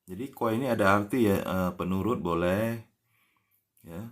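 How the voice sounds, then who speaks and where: Man, lowish voice, casual language lesson, patient explainer, spells words out. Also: normal speed. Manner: frequent tag "ya" after phrases. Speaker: language teacher.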